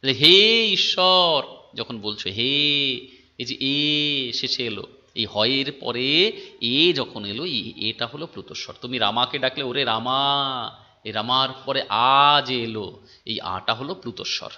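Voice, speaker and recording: A man's voice: mid-range voice, moderate pace, bright, forceful tone, lo-fi sound. A male teacher giving a lecture, repeating key terms, checking with his students and drawing out sounds to demonstrate them. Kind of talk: phonetics lecture.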